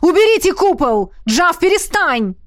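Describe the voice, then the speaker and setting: A woman voicing an impatient, hot-tempered young man who shouts orders. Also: a little high, a little slow. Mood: shouting.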